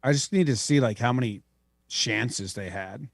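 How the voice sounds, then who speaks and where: A man's voice: mid-range voice, moderate pace, gravelly, dry recording, clean studio sound. A man co-hosting a podcast, chatting casually and playfully about baseball. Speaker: podcast co-host. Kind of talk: casual sports chat.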